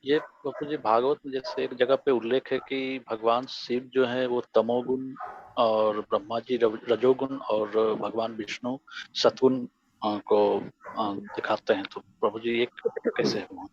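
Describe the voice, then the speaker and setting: A man asking questions in a spiritual class, hesitant with many pauses. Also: medium pitch, fairly even intonation, muffled recording.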